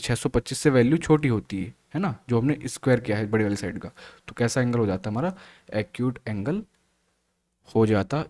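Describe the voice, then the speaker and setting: Male math tutor, steady step-by-step exam walkthrough, quizzes then answers himself. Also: medium pitch. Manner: steady step-by-step explaining, asks and answers own questions. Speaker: math teacher.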